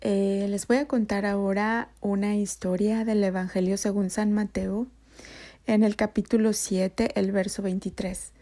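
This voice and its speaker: A woman telling Bible stories to children in a gentle way, often dropping to a whisper. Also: mid-range voice, level tone, measured pace. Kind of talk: storytelling for children.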